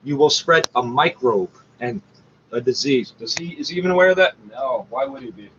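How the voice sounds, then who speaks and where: This man talks a little fast, his mid-range voice full of lively intonation, as he tears into a radio broadcast playing alongside him. The off-the-cuff rant is scornful, profane and combative, captured in a muffled, slightly noisy lo-fi recording.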